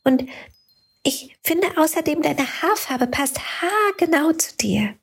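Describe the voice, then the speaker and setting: A woman voicing a tiny, kind talking light that speaks in a soft, comforting, encouraging way. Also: high voice, expressive, slow pace, gravelly, voice pushed up, full character voice. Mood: gentle, caring.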